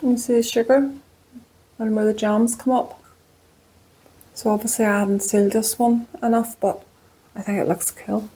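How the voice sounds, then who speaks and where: A woman's voice: fairly high pitch, flat delivery, normal speed, pauses often, mellow, breathy edge. A woman with a Northern Irish accent hosting a casual cooking vlog from her home kitchen, chatty and homely as she tastes her baking. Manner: chatty and homely, talks while tasting. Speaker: cooking channel host.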